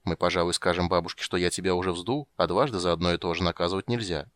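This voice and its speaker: A man reading an audiobook, voicing a weary, gruff monster hunter who talks in a dry, teasing way. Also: steady tone, fast talker, a bit bright, dry recording. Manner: dry, teasing, low-key.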